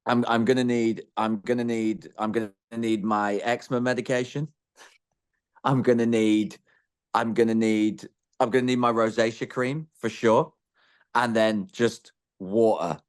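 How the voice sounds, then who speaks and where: A man's voice: mid-range voice, steady tone, measured pace, smooth. A young man from Greece raised in England, chatting animatedly as an interviewed musician, laughing often and restarting his sentences. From born in Greece, raised in England. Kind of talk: casual interview chat.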